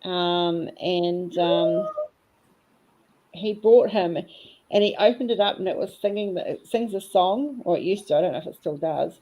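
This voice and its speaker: A woman's voice: lowish voice, very animated, unhurried, dark tone, poor audio. A woman chatting casually and cheekily while she works on a craft project. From New Zealand. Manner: chatty and cheeky, rambling fondly. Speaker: craft vlogger. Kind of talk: casual chat while diamond painting.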